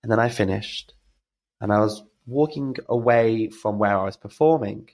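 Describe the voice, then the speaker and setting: A British man, a drag storyteller, telling a story as a podcast guest, acting out the quotes with big leaps in pitch and gasps. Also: moderate pace, darkish tone. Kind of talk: animated storytelling.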